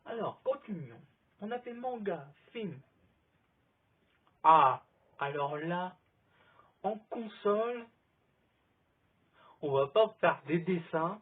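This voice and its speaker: In a sunny outdoor setting, a man vlogs on his phone camera in a rambling, casual chat full of recommendations. He speaks slowly with long pauses, in a high, husky voice with lively intonation, and the sound is thin and phone-like.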